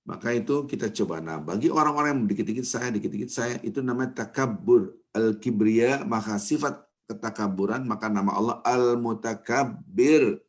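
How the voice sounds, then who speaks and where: A man giving a morning mosque sermon as a preacher, lively and acting out little everyday scenes with mimicked voices. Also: mid-range voice, normal speed. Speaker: ustadz, preacher.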